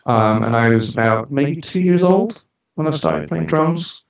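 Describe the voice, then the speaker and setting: Casual and informal, this interview guest spins conversational stories with light jokes; he's a musician and studio owner in his forties from Scotland who grew up travelling around the UK, with a mixed Scottish British accent. His voice is a little high and gravelly, a bit slow, with lively intonation. An echoey room and distant mic leave it dull.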